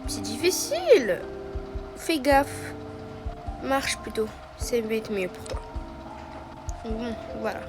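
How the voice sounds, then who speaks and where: A woman's voice: on the high side, very animated, takes it slowly, long pauses. A woman narrating a role-play in a casual, chatty way, with music playing behind.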